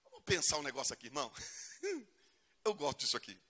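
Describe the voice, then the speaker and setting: A man's voice: on the high side, wildly swooping pitch, fast, sharp tone. A male pastor preaching a humorous sermon in a church, acting out prayers in voices. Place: church hall. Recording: long church reverb.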